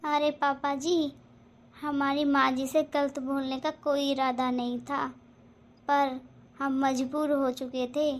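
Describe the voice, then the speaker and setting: A woman voicing a bold, defiant younger daughter-in-law in an animated family drama. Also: sits high, normal speed. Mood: apologetic. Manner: bold and defiant, later apologetic.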